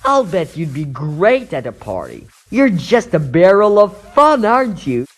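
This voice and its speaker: Spider-Man, acted by a man, lively and high-pitched. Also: measured pace, heavily acted. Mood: cocky, teasing. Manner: quippy, animated, thinking aloud. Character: plucky wisecracking young male superhero. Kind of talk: comic dub voice acting.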